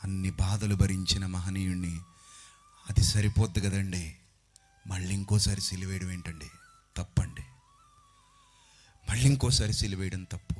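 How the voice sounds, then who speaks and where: A man preaching a sermon into a handheld mic on stage, impassioned, swinging from loud outbursts to hushed pleading. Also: low voice, steady tone, moderate pace, long pauses, faint music behind.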